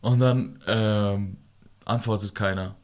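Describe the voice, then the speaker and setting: A man's voice: fairly low pitch, takes it slowly. A young man telling a story on a studio podcast, in casual slangy talk, laughing and restarting often. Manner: animated, laughing, slangy, many fillers and restarts.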